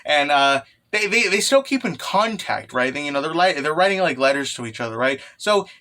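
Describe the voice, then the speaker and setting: A man hosting a manga recap as an excited anime fan, casual, sweary and irreverent, often checking in with the listener. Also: on the high side, brisk. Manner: often tags phrases with "okay" or "right". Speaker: host of a manga chapter review channel.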